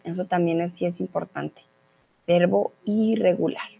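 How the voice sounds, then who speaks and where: A woman leads an online language class at an unhurried pace, walking learners through grammar with patient, repeated examples. The stream audio sounds dull and a little lo-fi. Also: lowish voice, fairly even intonation, creaky, warm tone, slightly rough. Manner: slow, patient explaining with repeated example sentences. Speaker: Spanish teacher. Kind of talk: live online language lesson.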